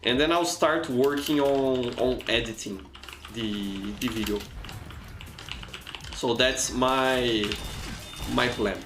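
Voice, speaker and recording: Taking it slowly with frequent pauses, a Brazilian man whose first language is Portuguese comments casually on his game stream, reading the chat aloud and often restarting or repeating words. His mid-range, slightly bright voice sounds roomy, with faint music behind.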